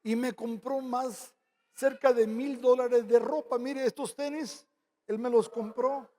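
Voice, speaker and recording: A high-pitched man preaching with a Mexican Spanish accent. He tells stories in a lively way, acting out both sides of a conversation and tossing in quick asides. His voice rings with long reverb through a church sanctuary. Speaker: pastor. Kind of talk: sermon with storytelling.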